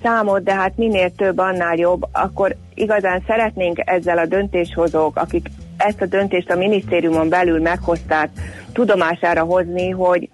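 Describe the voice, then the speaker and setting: A woman's voice: fairly low pitch, steady tone. Woman campaigner being interviewed on radio, earnest, music going behind her. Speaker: interview guest, environmental campaigner.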